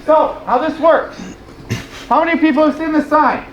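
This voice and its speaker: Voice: sits high, normal speed, dull audio. Playful convention panel host in an echoey room. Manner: playful, teasing, calls out to people on stage. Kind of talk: convention panel talk to a live audience. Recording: echoey room, faint noise.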